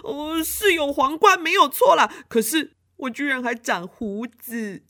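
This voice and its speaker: A woman's voice: sits high, measured pace, a bit bright, voice pushed up. Woman voicing a whiny girl stuck as a prince.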